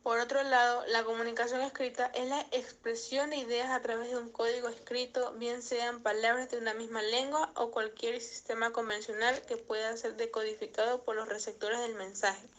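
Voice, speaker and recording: A young female student reads her definitions for a class presentation in a steady, formal way. Her voice sits a little high. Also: moderate pace, hardly any pauses. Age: young adult. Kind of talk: read-aloud class presentation.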